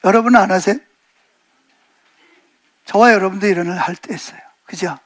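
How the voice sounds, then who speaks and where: A middle-aged male pastor preaching a sermon, retelling a story with lively acted quotes and frequent questions to the congregation. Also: sits high, a little fast.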